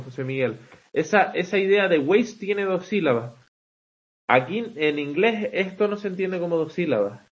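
A man's voice: fairly high pitch, highs cut off. A man teaching English poetic meter in an online class, talking conversationally and checking in with frequent rhetorical "vale", with some hesitant restarts.

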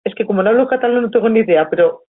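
A woman's voice: a little high, rapid-fire, husky. A woman with a Spanish accent from Spain, teaching a live online lesson, explaining patiently and reading student questions aloud from the chat. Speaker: Italian teacher. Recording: tinny phone-like audio.

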